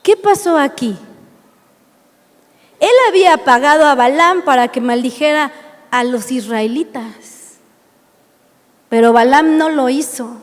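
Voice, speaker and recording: Mexican woman preacher, high voice, emphatic, rhetorical questions, reverberant church hall. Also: unhurried, pauses often. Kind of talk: sermon.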